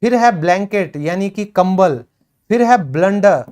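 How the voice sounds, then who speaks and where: A man's voice: high-pitched, expressive, a little slow, darkish tone, clean tone. A man teaching an English pronunciation lesson, repeating words emphatically to drill them.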